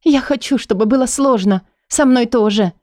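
A man's voice: normal speed, a little mellow, no echo, studio quality. A man voicing a tearful young woman. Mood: tender. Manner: high, pleading, near tears. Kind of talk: audiobook character voice.

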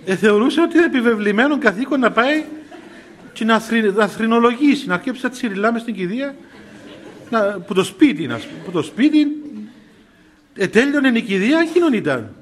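Priest guy, pretty high voice, rambly storytelling sermon, lots of little laughs and ums. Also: sing-song, some chatter behind, a little hiss or hum. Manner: storytelling, chuckling often, many fillers and restarts. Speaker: priest giving a spiritual talk. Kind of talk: informal sermon with stories.

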